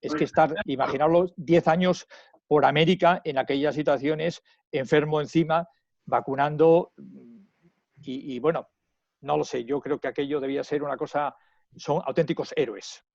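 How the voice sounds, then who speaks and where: A man's voice: a little high, steady tone, normal speed, gravelly, darkish tone, no room sound, muffled recording. A man speaking as the lecturer, answering audience questions after a talk with friendly but hesitant replies, heard through online call audio.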